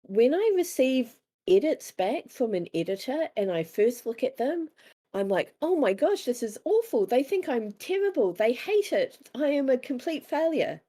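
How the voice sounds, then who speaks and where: An author with a New Zealand accent chats casually in an interview, candid and self-deprecating, acting out bits of dialogue as she tells stories. Her voice sits high and is very animated, with a moderate pace and a dark tone.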